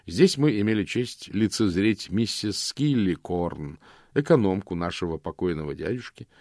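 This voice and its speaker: A man narrating an audiobook in a measured, even reading. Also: low-pitched, no echo, clean studio sound. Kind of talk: scripted narration.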